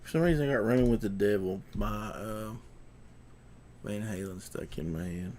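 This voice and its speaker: A man's voice: lowish voice, moderate pace, darkish tone, slight background noise. A man chatting casually and thinking aloud as he works, muttering to himself in a folksy, colloquial way. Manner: folksy, colloquial grammar with ain't. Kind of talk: casual chat while working at a computer.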